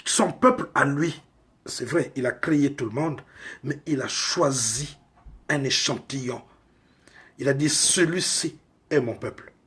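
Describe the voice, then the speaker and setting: Slow husky male preacher. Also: medium pitch, fairly bright tone. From Congo. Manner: slow, emphatic preaching with rhetorical questions. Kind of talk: sermon.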